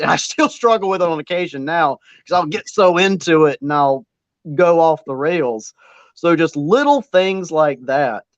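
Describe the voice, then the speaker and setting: A wrestling ring announcer, appearing as an interview guest, chats casually and rambles with lots of fillers, often poking fun at himself. His voice sits a little high, and the recording is muffled with no echo.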